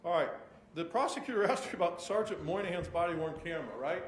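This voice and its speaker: High-voiced man in a courtroom recording. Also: fast. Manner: leading questions ending in "correct?". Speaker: defense attorney. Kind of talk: courtroom cross-examination. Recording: echoey courtroom, distant mic, faint noise.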